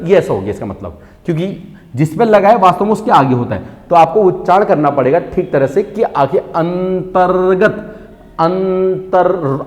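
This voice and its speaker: A man teaching a Hindi spelling lesson, constantly asking questions and answering them himself, drawing out key words slowly. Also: on the high side, darkish tone. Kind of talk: classroom-style online lesson. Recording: long reverb.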